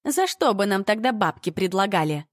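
A woman's voice: medium pitch, very animated, moderate pace, no room sound, natural voice. A woman voicing a brash bleached-blonde teenage girl who squeals and talks in slang, in a dry-sounding audiobook. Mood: squealing.

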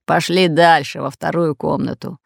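A woman voicing a fat, red-bearded, bossy pirate captain in an audiobook, speaking in a gruff, commanding way. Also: low-pitched, fairly even intonation, normal speed, no echo, studio quality, heavily acted. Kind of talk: audiobook character voice.

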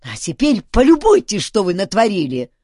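A woman's voice: mid-range voice, huge pitch swings, unhurried, a little mellow, husky, dry recording, clean studio sound, voice pushed up, heavily acted. A woman voicing a stubborn man who protests and argues with raised voice. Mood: protesting. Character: stubborn determined man, adventurer.

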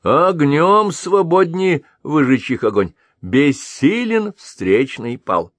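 A man's voice: lowish voice, lively intonation, a little slow, no echo, pitched above the performer's own voice. A man voicing a big-headed immortal male elder who speaks in a commanding, curt way. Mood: scornful.

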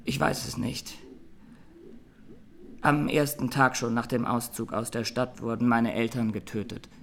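Playing a haunted young Armenian defendant in a courtroom radio drama, a male actor testifies with grave deliberation and anguish. His medium-pitched voice is natural and steady, with a little hiss or hum in the recording.

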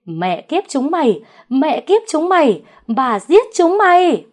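A woman's voice: fairly low pitch, expressive, normal speed, a little mellow, slightly rough. A woman voicing a wronged, jealous young wife who screams curses and accuses through tears. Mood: furious.

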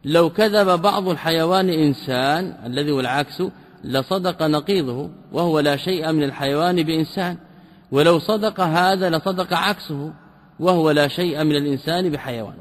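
Man teaching a text in a reverberant hall. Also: a little high. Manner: reads a passage, then explains it with rhetorical questions; repeats key terms slowly for emphasis. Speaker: teacher explaining a classical logic text. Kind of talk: line-by-line commentary lesson.

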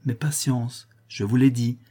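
A man's voice: medium pitch, fairly even intonation, unhurried, natural voice. A man reading a grave stern protector. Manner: grave, solemn, forceful declamation.

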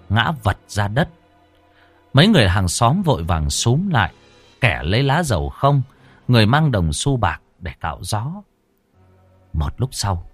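A man with a lowish voice narrates a horror audiobook, his pitch rising and falling expressively. The recording is dry and close, with no room sound. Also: no echo.

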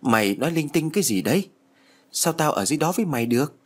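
A man's voice: fairly high pitch, animated, quick pace, voice pushed up. A man voicing a frightened teenage girl who pleads in a trembling voice. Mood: scared.

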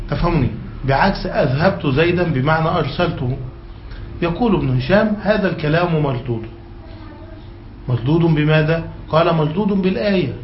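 A man teaching an Arabic grammar lesson, reading passages aloud and explaining them, often checking that his students follow. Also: a little high. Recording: echoey, dull lo-fi room recording with faint hiss.

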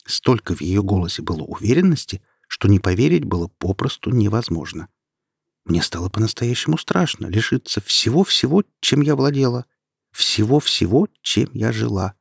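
A man with a low, husky voice reading an audiobook aloud. He narrates at a steady, even storytelling pace. The recording is dry and close, with no room sound. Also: moderate pace, dry recording.

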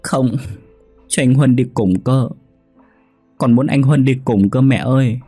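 A man's voice: on the low side, normal speed, a little mellow, no echo, faint music behind, lightly acted. A man voicing a naive, clingy little boy who pleads and sobs. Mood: sobbing. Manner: sobbing, pleading.

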